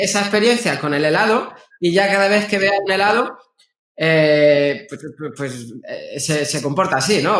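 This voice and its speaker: Halting man in a roomy room. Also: sits high, fairly bright tone. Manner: halting, frequent restarts and tag questions. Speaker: guest therapist. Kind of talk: conversational explaining. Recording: roomy echo.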